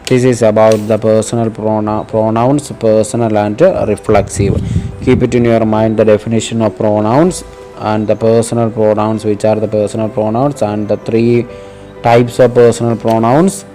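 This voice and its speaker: A man's voice: fairly low pitch, level tone, moderate pace, warm tone, soft background music, poor audio. A man teaching a grammar lesson, addressing his students directly and repeating each example sentence. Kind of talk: grammar lesson narration over slides.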